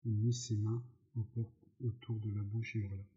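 A man reading a novel aloud, slowly, with slips and self-corrections, in a dull lo-fi recording. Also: lowish voice, little pitch movement, dark tone. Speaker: audiobook narrator.

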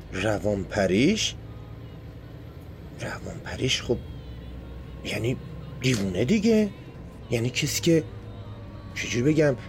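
An actor playing a puzzled, casual bus passenger who talks haltingly, searching for words, in an audio drama. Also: male voice, medium pitch, slight background noise, close to an everyday voice.

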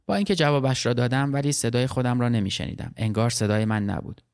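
A man reading a literary short story aloud as narrator, in a calm, measured, reflective way. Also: mid-range voice, clean tone.

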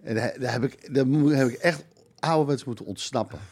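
A man's voice: medium pitch, brisk, darkish tone, breathy edge. A man co-hosting a podcast, telling an anecdote hesitantly with many fillers. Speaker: podcast co-host.

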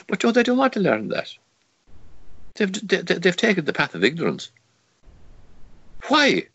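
An older Kerry man, a native Irish speaker talking in English with an Irish accent, argues emphatically as a campaigner and interview guest, stammering through restarts and firing off rhetorical questions. His voice sits high with wildly swooping pitch, a fairly bright tone and a breathy edge, at normal speed. The lo-fi recording has no echo.

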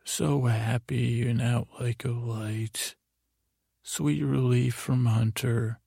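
A man hosting a sleep podcast in the calm, gentle, rambling manner of a bedtime story narrator. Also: mid-range voice, slow pace, vocal fry, breathy edge, no room sound, clean studio sound. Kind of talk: soothing bedtime sleep-story narration, saying good night to listeners.

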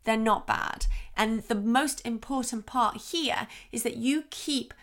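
A woman hosting a parenting podcast, calmly explaining child development and acting out what she says to her young daughter. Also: a little high, slow. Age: adult, parent of a young daughter. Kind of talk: advice podcast monologue.

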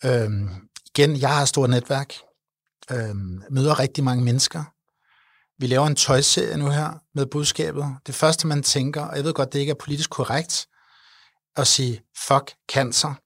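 A middle-aged man talks earnestly and with animation about his charity event, his voice sitting at an ordinary pitch. The sound is close and dry, with no room around it. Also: steady tone, fairly bright tone, no echo. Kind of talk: interview conversation.

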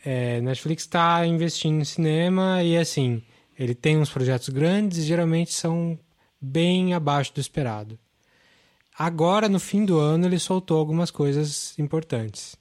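A man's voice: fairly high pitch, normal speed, a little mellow. A man, hosting a casual film podcast and talking enthusiastically with lots of fillers. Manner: enthusiastic, rambling, many fillers. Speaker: podcast host.

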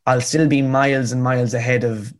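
An author in his twenties from rural County Cavan, Ireland, tells his story as an interview guest in a medium-pitched voice with fairly even intonation. His rural Irish accent comes through as he speaks briskly, earnestly and emphatically, repeating phrases for effect.

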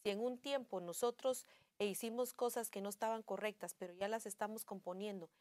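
A woman co-hosts a faith-based talk in a casual, anecdotal way. She often acts out little family conversations and fills her speech with small pauses and fillers. Her voice sits at an ordinary female pitch, recorded close and dry. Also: steady tone, a little mellow, no echo.

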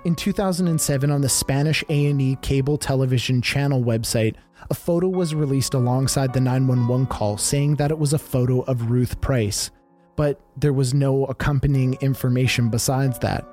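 Dark-toned man narrating a creepy mystery podcast. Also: medium pitch, normal speed, faint music behind. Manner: addresses listeners as fellow creeps, conspiratorial storyteller. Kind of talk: scripted narration.

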